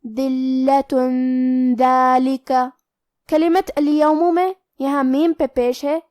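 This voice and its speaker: A woman with a high, clear voice leads a Quran recitation lesson, naming each letter rule in order before sounding the word out slowly. The recording is close and dry, with no room sound. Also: warm tone, no room sound. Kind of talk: tajweed lesson, explaining letter rules.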